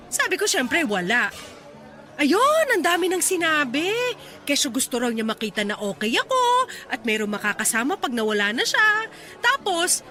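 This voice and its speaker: In a radio drama, a woman with a Filipino accent voices a hardworking, playful young woman who teases and chats expressively. Her voice is high-pitched and exaggerated.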